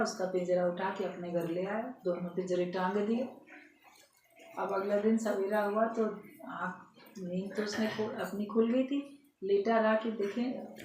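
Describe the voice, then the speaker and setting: A woman's voice: mid-range voice, darkish tone. Woman giving a spiritual talk, tells a parrot story, echoey hall, mic far off, faint room noise. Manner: earnest, instructive storytelling. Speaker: spiritual speaker. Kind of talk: spiritual discourse with a parable. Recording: roomy sound, distant mic, faint ambience.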